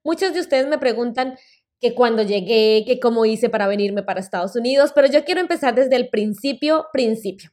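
On the high side and fairly quick, with a slightly mellow tone, the solo podcaster shares her personal story. She's a Colombian woman in her thirties whose chatty style leans on fillers such as "pues" and "eh".

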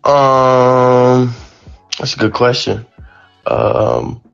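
Young male rapper guest, gravelly and laid-back, dull live-stream sound. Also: medium pitch, big pitch swings, very slow. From North Carolina. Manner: laid-back, short answers, slangy. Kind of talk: casual interview chat. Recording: lo-fi live stream audio with faint music.

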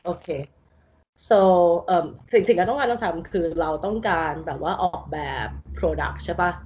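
A woman with a fairly low voice talks casually through a design problem, thinking aloud and dropping English terms into her sentences. Her voice comes over a video call and sounds muffled, with a faint hiss and keyboard clicks behind her. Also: lively intonation, moderate pace, a little mellow. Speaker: design interview candidate. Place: bedroom at home with a loud roommate. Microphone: computer mic on a video call.

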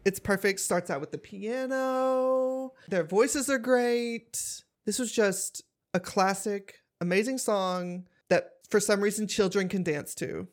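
A woman's voice: mid-range voice, takes it slowly. A woman in her thirties co-hosting a casual chat, laughing often and teasing playfully. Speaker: podcast co-host.

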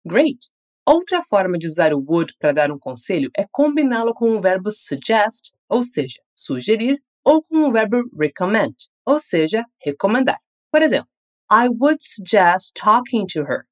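This English teacher, who has a Brazilian Portuguese accent, speaks phrases slowly for learners to copy and gives praise after each drill. Her mid-range voice swings widely in pitch and is a little mellow.

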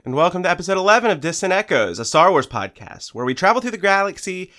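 A man's voice: sits high, big pitch swings, fast, bright, forceful tone. A man hosting a podcast in a casual, playful chat, laughing and tripping over words in a morning voice. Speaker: podcast host.

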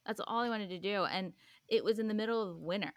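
A woman's voice: medium pitch, fast, no room sound. A young woman talking casually as a podcast guest, rambling with lots of "like" and "um". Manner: rambling, full of "like" and "um". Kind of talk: casual chat.

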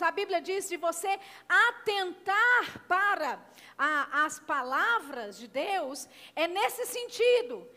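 Brazilian woman preacher, very high voice, emphatic sermon with calls for response, reverberant hall. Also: bright, forceful tone. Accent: Brazilian Portuguese. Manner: emphatic, asks the congregation for call-and-response.

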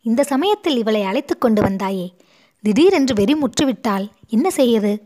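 A woman's voice: fairly high pitch, lively intonation, normal speed. A woman voicing a composed royal princess who speaks firmly but soothingly, in a storybook reading. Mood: calm. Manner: firm yet gently soothing. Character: composed royal princess, elder-sister manner.

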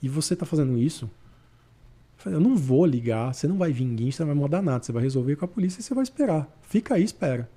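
Male podcast guest, mellow and husky, rapid animated storyteller. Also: fairly high pitch. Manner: animated, acts out quoted dialogue. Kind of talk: casual storytelling.

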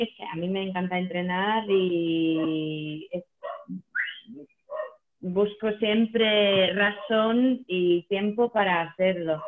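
A woman's voice: medium pitch, slight background noise. A woman from Latvia, a native Latvian speaker, chatting casually in non-native, foreign-accented Spanish and searching for words. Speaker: athlete guest. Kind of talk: casual conversation. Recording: thin phone-like call audio.

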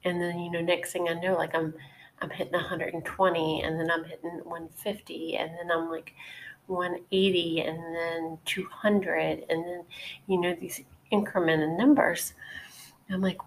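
A woman with a low-leaning, slightly raspy voice, worn down by a cold, hosts her own podcast. She rambles casually with plenty of fillers and restarts. A faint hiss sits under the recording. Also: level tone, moderate pace, rough recording. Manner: chatty, with many fillers and restarts. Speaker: podcast host. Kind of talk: casual solo podcast talk.

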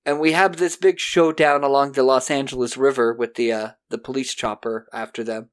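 Speaking at normal speed with a medium pitch and fairly even intonation, this man co-hosts a podcast and retells a movie's plot in relaxed chat. Along the way he performs bits of the characters' dialogue with animation.

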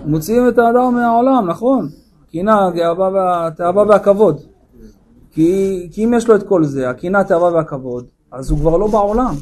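A man, a rabbi, giving a sermon in an animated storytelling way, firing rhetorical questions at his listeners. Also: sits high.

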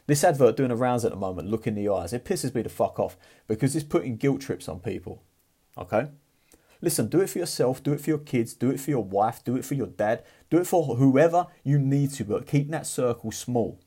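A man's voice: medium pitch, lively intonation, fairly quick, warm tone, breathy edge. A man giving a blunt, profane motivational talk in a casual, fired-up way. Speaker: motivational vlogger.

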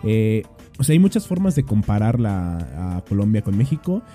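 A Mexican man with a Mexican Spanish accent, telling a story in a relaxed, easygoing way during a casual podcast chat. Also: on the low side, moderate pace, soft background music.

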